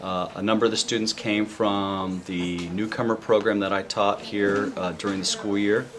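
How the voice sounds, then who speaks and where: A male middle school teacher explaining a summer program, speaking haltingly with many filler sounds. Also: lowish voice, flat delivery. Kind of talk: casual explanation to camera. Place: busy school classroom. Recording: noisy classroom with chatter behind. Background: chatter of students.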